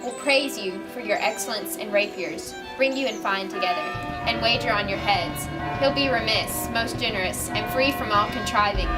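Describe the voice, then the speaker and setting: Casting: woman playing scheming king, measured Shakespearean verse, higher voice, loud score behind. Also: lightly acted. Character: scheming king plotting a murder, measured and calculating. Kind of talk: amateur Shakespearean acting. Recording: distant mic, loud music behind.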